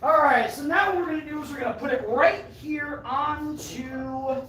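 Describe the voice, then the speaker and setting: A woman's voice: high voice, normal speed, crowd noise. A woman performing a live mind reading act, with playful, self-deprecating, off-the-cuff patter for her audience. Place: live performance venue, indoors. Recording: echoey live venue, distant mic, faint noise.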